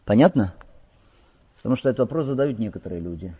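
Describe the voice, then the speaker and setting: A man's voice: on the low side, lively intonation, fast talker, mellow, slightly rough. A man giving a religious lesson, explaining rulings and posing rhetorical questions to his listeners. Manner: explanatory, asks rhetorical questions, often checks with "all right?". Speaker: Islamic teacher. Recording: lo-fi recording with long hall reverb.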